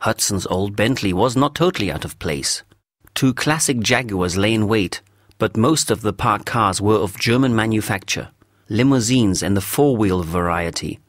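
Low-voiced man narrating a story. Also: no room sound, clean studio sound. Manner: measured, clear storytelling. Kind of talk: scripted narration for English learners.

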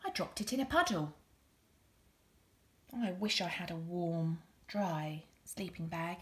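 Woman as a sad little fox, soft plaintive storybook voice, lively pitch. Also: slow pace. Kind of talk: storybook character voice.

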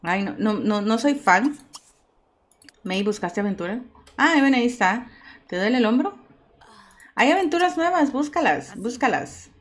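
Gaming host, female, fairly high voice, chatty and exclamatory let's-play commentary. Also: animated, measured pace, pauses often. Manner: chatty, talks to her game characters, exclaims often. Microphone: microphone set too far off at times.

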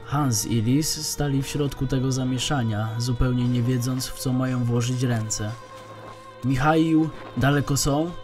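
A man narrating a dramatized post-apocalyptic audiobook with steady storytelling. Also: mid-range voice.

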